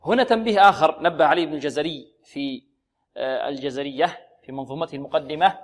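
A male Quran recitation teacher giving a tajweed lesson on the radio, slowing and stretching example words and asking his students questions he then answers himself. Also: a little high.

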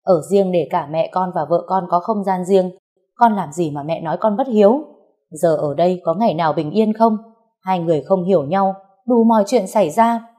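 A woman voicing an earnest young husband who speaks in a measured, pleading but firm way in a storybook reading. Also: on the low side, dark tone, close to an everyday voice. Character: earnest young husband defending his wife.

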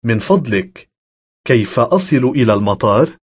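Husky male language-lesson reader. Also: mid-range voice, expressive. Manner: measured, instructional delivery. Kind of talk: scripted phrasebook narration.

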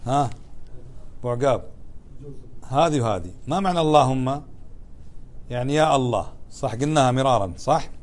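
Man, religious teacher, classroom lesson, asks and answers questions, mid-pitched voice. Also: lively intonation, moderate pace, long pauses. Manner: asks students questions and answers them, conversational.

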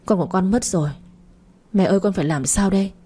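A woman's voice: mid-range voice, quick pace, dark tone, slightly rough, close to an everyday voice. A woman voicing a young woman who grieves and accuses, in a tearful, indignant storybook voice. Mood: grieving.

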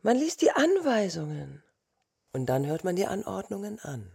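An actress playing a carefree young maid in a radio drama, playful and quick to laugh, with a slightly husky voice. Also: female voice, mid-range voice, sing-song, a little mellow, exaggerated voice. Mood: matter-of-fact.

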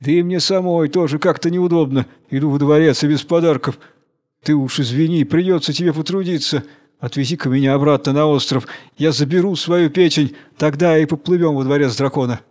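A man voicing a clever, sly female monkey from a fairy tale, speaking higher and mocking. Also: a little fast, darkish tone, lightly acted. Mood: feigned helpful. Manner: taunting, higher-pitched.

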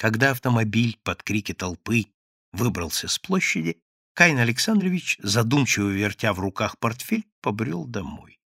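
A man narrating a classic novel as an audiobook reader, lively and expressive. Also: fairly low pitch, normal speed, no room sound, clean studio sound.

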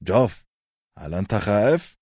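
A man's voice: on the low side, sing-song, normal speed, darkish tone, slightly rough, dry recording, studio quality. A man voicing a bold, eager fourteen-year-old boy in an audiobook.

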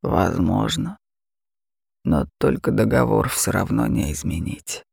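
A huge, mocking dragon, played by a man growls out slow threats in an audiobook. The voice is deeply gravelly and husky, and the words drag along at an unhurried crawl. The recording is close and dry. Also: animated, darkish tone, no echo, heavily acted. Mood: menacing. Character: huge menacing male dragon, cruel and mocking. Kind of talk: audiobook acting.

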